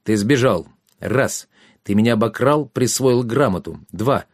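A man's voice: medium pitch, unhurried, no echo, studio quality. A man voicing a proud, stern young nobleman who lectures in a haughty way.

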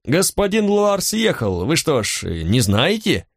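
A man's voice: a little high, wildly swooping pitch, slow, creaky, dry recording, clean studio sound, voice pushed up, full character voice. A man voicing a fussy middle-aged innkeeper who talks in a raised, folksy, chattering way. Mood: chatty.

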